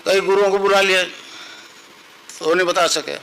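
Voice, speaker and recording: A man's voice: sits high, steady tone, moderate pace, bright, forceful tone, rough recording. An older man giving a sermon to a live gathering, telling a story and teaching a mantra for the listeners to repeat. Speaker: spiritual guru.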